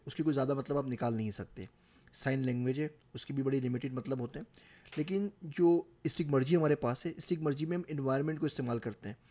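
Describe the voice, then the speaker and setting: A man's voice: medium pitch, warm tone. A middle-aged man with a Pakistani Urdu accent giving a recorded course lecture, explaining ideas through everyday examples.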